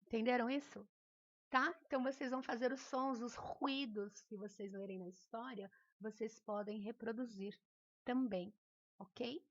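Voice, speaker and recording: A woman's voice: on the high side, normal speed, dry recording, lo-fi sound. A woman teacher with a Brazilian accent, giving a recorded remote lesson in a patient, encouraging way and often checking in with her students. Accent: Brazilian Portuguese.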